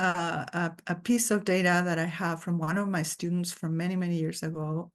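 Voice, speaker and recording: A woman guest lecturer giving an earnest, thoughtful academic talk over a video call. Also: fairly low pitch.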